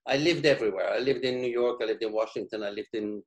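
A man's voice: mid-range voice, quick pace, low-quality recording. Middle-aged man, from Belgium, stop-start answers in an online interview. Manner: hesitant, many restarts and fillers. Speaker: interior design studio head. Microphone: video call from a home living room.

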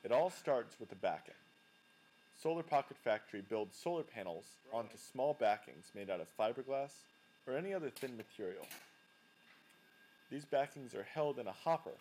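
A man giving a scripted voice-over that explains a machine step by step, in an even, explanatory way. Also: medium pitch, normal speed, a little hiss or hum, low-quality recording.

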